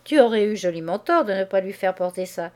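A woman's voice: mid-range voice, animated, brisk, close to an everyday voice. A jealous young husband, insistent and needling, nags his wife again and again, as a woman narrator reads his lines. His questions come in a pressing, pointed tone, read in a classic novel audiobook. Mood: insistent, teasing.

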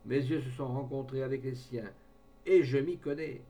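A man's voice: mid-range voice, fairly even intonation, normal speed, mellow, lightly acted. A man reading aloud voices a smug young dandy baron who teases with easy self-assurance. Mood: mocking.

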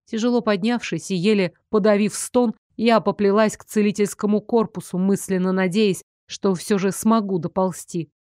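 A woman narrating a first-person fantasy novel in a steady, expressive storytelling voice. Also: medium pitch, normal speed, few pauses, no echo, studio quality. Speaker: audiobook narrator.

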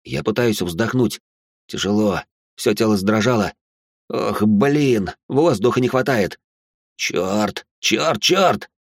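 A man's voice: fairly low pitch, takes it slowly, no echo, clean studio sound. Sardonic male audiobook narrator. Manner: sardonic, swearing inner monologue. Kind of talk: first-person audiobook narration.

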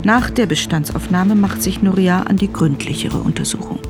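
A woman whispers her way through a German radio drama, narrating in a sober, precise present tense from a script. Her pitch is medium, her pace moderate, and music plays behind her.

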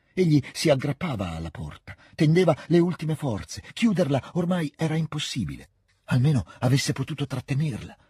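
A man narrating a classic novel as an audiobook, in a measured, calm, expressive reading. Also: mid-range voice, breathy edge, no room sound, clean studio sound. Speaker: audiobook reader.

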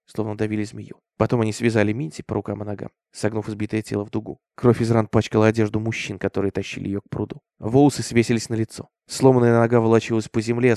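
A man narrating a horror story with an intense, expressive delivery. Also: on the low side, no echo, studio quality. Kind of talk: dramatic horror story reading.

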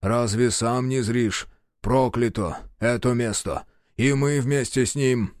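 A man voicing a superstitious bearded soldier who mutters dark warnings slowly and low. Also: no echo, clean studio sound, lightly acted. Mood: gloomy. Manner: slow, muttering, doom-laden. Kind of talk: audiobook character voice.

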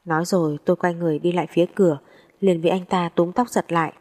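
A woman telling a first-person story in a steady, measured reading. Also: lowish voice.

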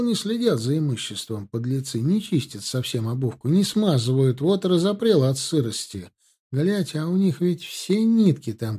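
A man's voice: fairly high pitch, warm tone, breathy edge. A man voicing a male army officer who grumbles in an indignant, folksy way.

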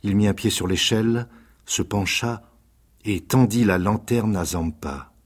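A man reading aloud a dark serial novel in a measured, dramatic storytelling voice. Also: lowish voice, slightly rough. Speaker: reader. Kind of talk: scripted dramatic narration.

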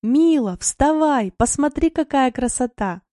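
Jovial husband in a storybook, voiced by a woman; warm tone, dry sound. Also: sits high, expressive, a little slow, no echo, voice pushed up. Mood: cheerful. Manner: teasing, jovial. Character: playful teasing husband, cheerful young man. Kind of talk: audiobook narration.

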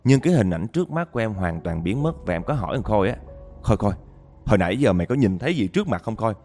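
A man's voice: lowish voice, very animated, racing, darkish tone, faint music behind. A man narrating a listener's ghost story, talking straight to his audience with dramatic storytelling.

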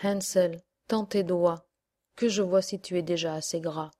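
A woman's voice: on the low side, fairly even intonation, a little slow, darkish tone. A woman voicing a cruel, greedy old witch in a storybook reading, barking orders at the children. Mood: wheedling. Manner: harsh commanding cries.

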